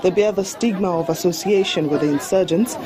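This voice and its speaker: A woman's voice: lowish voice, a little fast. A woman narrating a scripted news package as a field reporter. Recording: noisy crowd and ambience behind.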